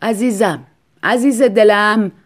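A woman voicing a worried, loving husband who speaks slowly and pleadingly in a storybook reading. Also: medium pitch, voice pushed down, close to an everyday voice.

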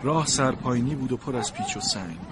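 A man narrates a storybook from a sled dog's point of view, in an expressive, plaintive way. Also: mid-range voice, heavy background noise.

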